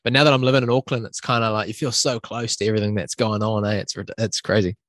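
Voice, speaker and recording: A man's voice: lowish voice, steady tone, fast, fairly bright tone, dry recording, studio quality. A man from New Zealand with a New Zealand accent, hosting a podcast in casual Kiwi English sprinkled with Maori greetings and slang. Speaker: podcast host. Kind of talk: casual chat.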